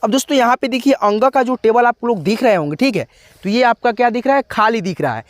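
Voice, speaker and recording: A man with a high voice teaches a lesson, checking in with his viewers again and again. He sounds out each syllable slowly and with care. The sound is dry and close. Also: dry recording. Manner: repetitive, checks in with "ठीक है" and "दोस्तों". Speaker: Hindi teacher. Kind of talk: YouTube lesson, explaining.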